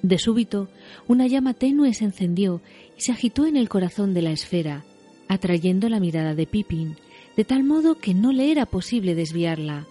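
A woman narrates a novel aloud in a measured, dramatic reading. Her voice sits at an ordinary middle pitch, and she lets tense moments land before moving on. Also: lively intonation, warm tone, soft background music. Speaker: story reader.

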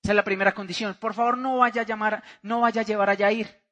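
A motivational speaker from Santander, Colombia, his accent plain as he spins a personal story for the audience. His voice sits very high and rings bright and forceful. He keeps turning to the crowd with questions. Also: fairly even intonation, fast. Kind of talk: motivational seminar talk to a live audience.

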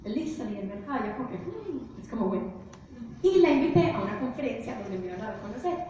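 A young woman gives an animated motivational business talk in a high voice. She is picked up from well off the mic in a large hall. The sound is dull, with a long, echoing reverb. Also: fast, slight background noise. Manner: animated storytelling to an audience. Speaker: business presenter. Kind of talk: motivational presentation. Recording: echoey hall, distant, dull.

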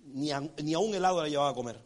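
A man preaching a sermon as pastor, folksy and animated, acting out characters and checking in with his congregation. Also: on the high side, rapid-fire. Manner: repeats rhetorical check-ins with the congregation.

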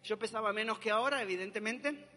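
A man's voice: high-pitched, quick pace, sharp tone, in a large hall. A young man, animatedly telling a dramatic personal testimony. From Argentina.

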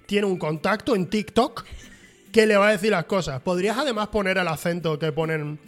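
Animated high-voiced man. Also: soft background music. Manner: animated, jokey, quick asides. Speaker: podcast co-host. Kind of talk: casual chat.

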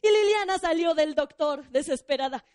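A woman tells a children's story to a live audience, her voice high and animated. She keeps turning to the listeners with questions. The sound is dry and close. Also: normal speed, no echo. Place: bookstore.

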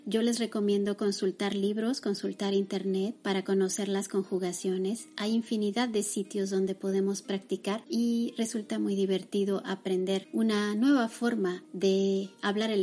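A woman hosting a language-learning podcast, teaching a grammar lesson in a scripted, measured way and saying example words slowly and carefully. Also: medium pitch, darkish tone. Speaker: podcast host and Spanish teacher.

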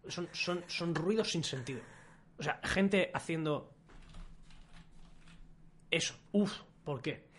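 A man co-hosting a podcast in casual chat. He talks in an animated way and mimics other people's voices. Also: on the high side, slow, long pauses, slight background noise. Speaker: podcast co-host.

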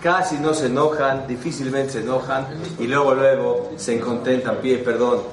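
A man preaches as a rabbi, telling animated stories and asking his listeners questions. His voice comes from some distance away in a roomy, echoing space. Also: mid-range voice, normal speed, slight background noise. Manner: animated, storytelling, asks the audience questions. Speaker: rabbi teaching a class. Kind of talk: sermon with stories and rhetorical questions. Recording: echoey room, mic at a distance.

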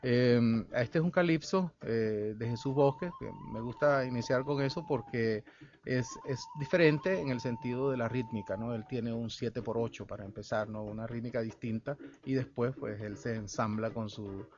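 A man from El Salvador, a guest musician and researcher, talks in a radio interview, pausing often with fillers and restarts. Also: mid-range voice, background noise. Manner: halting, with many fillers and restarts. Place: radio studio. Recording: dull lo-fi radio broadcast.

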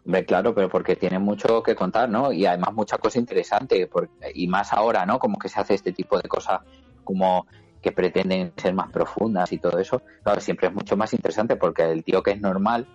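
A man's voice: low voice, steady tone, fairly quick, a little mellow, dull audio, soft background music. A man with a Spanish accent, born in Murcia and raised in Madrid, chatting casually on a podcast in a rambling way, repeating his words and swearing now and then. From Murcia, Spain; raised in Madrid. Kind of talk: casual chat.

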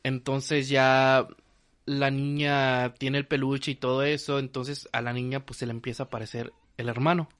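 Guy rambling thru a horror movie plot, bright voice, tons of fillers. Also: mid-range voice, little pitch movement, normal speed. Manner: rambling, full of fillers and restarts. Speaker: film recap host. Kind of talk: casual retelling of a horror film.

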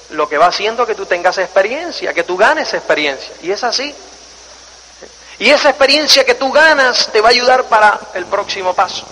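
A man giving a lively motivational talk to an audience, acting out little scenes and repeating lines for emphasis, asking the listeners questions. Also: high-pitched. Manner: animated storytelling, acts out scenes and voices. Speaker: motivational speaker. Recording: long hall reverb, faint noise.

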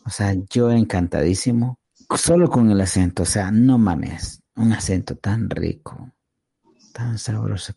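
A man with a Central American accent hosts a casual podcast, teasing his guest and repeating himself for emphasis. His voice sits low and warm. The sound is close and dry. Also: vocal fry, breathy edge, no room sound. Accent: Central American Spanish. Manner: slow, teasing, emphatic repetition. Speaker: podcast host. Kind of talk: joking casual chat.

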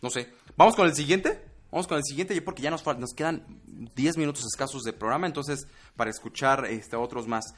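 A man's voice: medium pitch, fairly quick, a bit bright. A Mexican man hosting a casual podcast, chatty and playful. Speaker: podcast host.

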